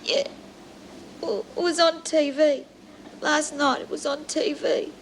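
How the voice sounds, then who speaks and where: A woman's voice: high voice, fairly even intonation, slow pace, slight background noise. An actress with an Australian accent playing a timid, childlike young woman prisoner who pleads in simple grammar, in a television drama. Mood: tearful. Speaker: prison inmate. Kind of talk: 1970s TV drama acting.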